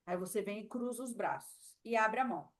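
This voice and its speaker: A woman with a Brazilian Portuguese accent teaching sign language in a live lesson, slow and patient, demonstrating as she repeats each word. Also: medium pitch.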